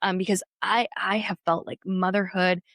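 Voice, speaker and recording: A woman's voice: mid-range voice, flat delivery, normal speed, fairly bright tone, no echo, clean studio sound. A woman in her thirties hosting a podcast interview, speaking reflectively with frequent restarts. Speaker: podcast host, former news anchor. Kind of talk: conversational interview.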